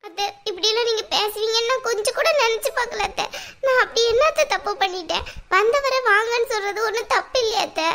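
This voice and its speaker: A woman's voice: extremely high pitch, quick pace, sharp tone, heavily acted. A woman voicing a kind young sister-in-law who reasons and reassures in a cartoon. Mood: reasoning. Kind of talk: cartoon voice acting.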